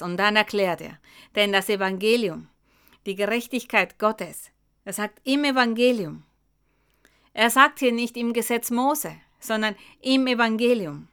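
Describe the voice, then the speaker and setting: A woman preaching a sermon, explaining a Bible passage to her congregation in a slow, emphatic way. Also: medium pitch, a bit bright, smooth. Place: church.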